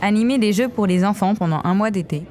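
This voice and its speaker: Narratrice posée de documentaire. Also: female voice, mid-range voice, quick pace, darkish tone, a little hiss or hum.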